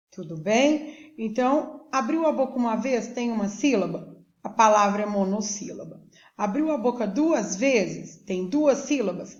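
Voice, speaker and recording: A woman teacher with a Brazilian Portuguese accent gives a recorded lesson for young pupils, explaining slowly and patiently and often checking that they follow. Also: a little high, darkish tone. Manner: slow, patient, checks in with "tá joia?". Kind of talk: recorded remote school lesson. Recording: echoey room, dull lo-fi sound.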